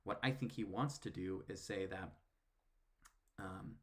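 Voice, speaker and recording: A man with a daughter, responding in casual commentary, halting often with fillers and restarts. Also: sits low. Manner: hesitant, many fillers and restarts. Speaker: video commentator.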